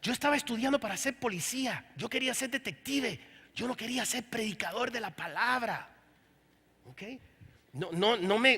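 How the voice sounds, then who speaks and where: A man's voice: sits high, sharp tone. A man preaching a sermon as pastor, telling his story with quoted dialogue. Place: church service. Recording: long hall reverb from a church room.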